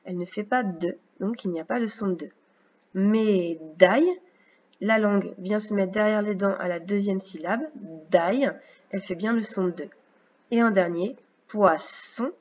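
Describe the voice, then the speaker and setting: A woman teacher giving a recorded phonics lesson, speaking slowly and clearly with patient explanations for a young child. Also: medium pitch, darkish tone, dull audio. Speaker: first-grade teacher.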